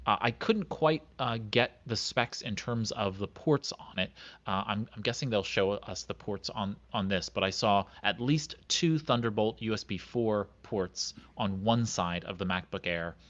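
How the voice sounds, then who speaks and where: Host: man, very low voice, measured delivery, muffled lo-fi audio. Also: a bit bright. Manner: measured, reads specs out, hedging fillers. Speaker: podcast host. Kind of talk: casual chat.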